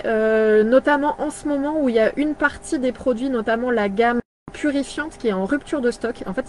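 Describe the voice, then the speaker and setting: A woman in her thirties chatting casually on a live video, pausing often with fillers and restarting her sentences. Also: on the high side, slight background noise. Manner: hesitant, many fillers and restarts. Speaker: brand partner presenting products.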